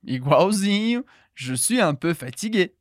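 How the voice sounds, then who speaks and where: A woman teaching a podcast language lesson, patiently repeating words slowly for listeners to echo. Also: lowish voice, animated, clean studio sound.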